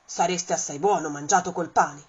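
A big, gullible forest monster who growls loudly that he is hungry, as a woman reads him aloud. His voice is gruff with a husky edge. The sound is dull and lo-fi. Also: fairly low pitch, brisk.

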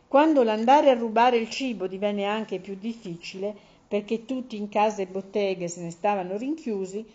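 A woman's voice: mid-range voice, darkish tone. Woman reading a fable aloud. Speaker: narrator. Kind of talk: storybook reading. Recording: slightly dull lo-fi recording.

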